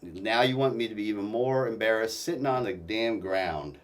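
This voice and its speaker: A man telling his own story as a guest in a casual interview, halting and restarting often. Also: fairly low pitch, distant mic, slight background noise.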